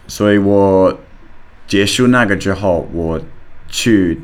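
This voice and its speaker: Deep-voiced foreign man speaking slow Mandarin. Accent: foreign, non-native Mandarin. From Australia. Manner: halting, searching for words, simple learner phrasing. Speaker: podcast host. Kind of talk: casual personal monologue.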